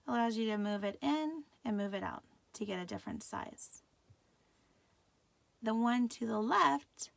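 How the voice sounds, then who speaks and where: A woman's voice: a little high, creaky, no echo. A middle-aged woman teaching a live craft tutorial, patient and often checking that viewers can follow.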